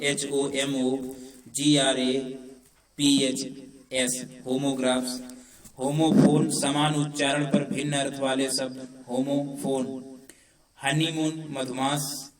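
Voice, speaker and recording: A man teaching English vocabulary in a coaching class, dictating spellings slowly and deliberately. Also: mid-range voice, fairly bright tone. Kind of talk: vocabulary lesson, spelling words letter by letter. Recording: roomy echo from far off mic.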